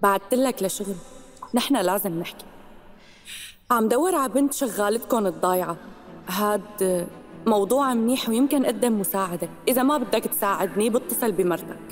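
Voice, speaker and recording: A woman's voice: mid-range voice, brisk, soft background music, natural voice. A woman in her thirties with a Syrian accent, playing a persuasive, manipulative young woman in dubbed TV drama, coaxing and insistent. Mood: firm, pressing.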